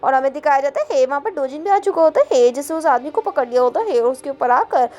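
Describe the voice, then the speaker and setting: A woman narrating a story recap in a fast, animated retelling. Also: sits high.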